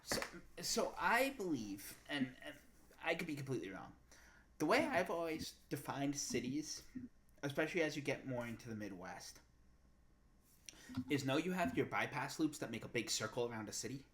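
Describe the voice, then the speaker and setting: A man's voice: mid-range voice, sing-song, normal speed, a bit bright, slight background noise. A young man co-hosting a podcast, chatting casually and thinking aloud with lots of fillers. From Massachusetts. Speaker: podcast co-host. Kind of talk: casual chat.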